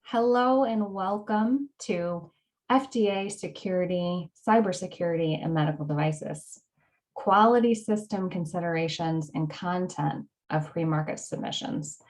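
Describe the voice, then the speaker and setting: A woman's voice: fairly low pitch, measured pace, darkish tone, poor audio. A woman opening a webinar as host, upbeat and friendly, with frequent ums. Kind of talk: scripted webinar introduction.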